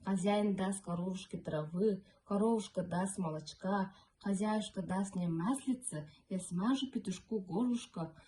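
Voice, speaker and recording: A woman's voice: mid-range voice, a little slow, few pauses, warm tone, a little hiss or hum, lightly acted. A woman voicing an anxious, coaxing little mother hen in a folk tale, pleading urgently. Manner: urgent, coaxing repeated pleas.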